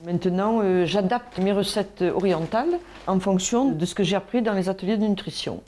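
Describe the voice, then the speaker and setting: A woman from France giving a reflective documentary interview about joining hospital nutrition workshops, pausing often with fillers. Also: mid-range voice, darkish tone, a little hiss or hum. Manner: hesitant, reflective, many fillers.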